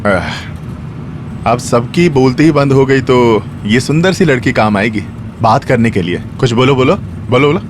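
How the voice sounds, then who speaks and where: A man's voice: mid-range voice, expressive, normal speed, noisy background, lightly acted. A man dubbing a cheerful middle-aged man who teases his family as he leaves, in a film scene. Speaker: lead character in a dubbed film. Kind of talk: dubbed film acting. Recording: film soundtrack with loud music.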